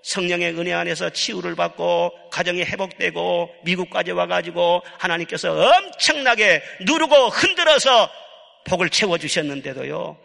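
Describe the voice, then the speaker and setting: A man preaching at a revival service, emphatic and full of rhetorical questions, dropping soft then rising loud. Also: high-pitched, expressive, moderate pace, creaky. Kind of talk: sermon. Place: church sanctuary. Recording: long hall reverb.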